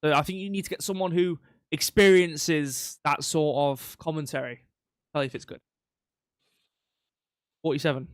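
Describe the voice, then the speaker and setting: A man's voice: a little high, fairly even intonation, moderate pace, long pauses, no echo, clean studio sound. A man hosting a quiz on a live stream, chatty and rambling, with mock-indignant rants. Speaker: quiz host.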